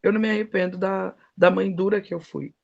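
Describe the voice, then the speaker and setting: Middle-aged woman giving a sermon, gravelly voice, talks folksy and emphatic. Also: medium pitch, steady tone, a little fast, a little mellow, muffled recording. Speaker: preacher. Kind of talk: devotional sermon.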